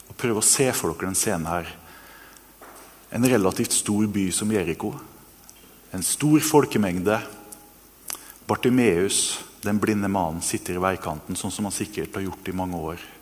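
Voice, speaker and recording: A man preaching a sermon, retelling a story with earnest energy and then guiding listeners through a quiet reflection. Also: low voice, long pauses. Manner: earnest, animated storytelling that later turns soft and hushed. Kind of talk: sermon with guided meditation. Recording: long reverb in a hall, faint noise.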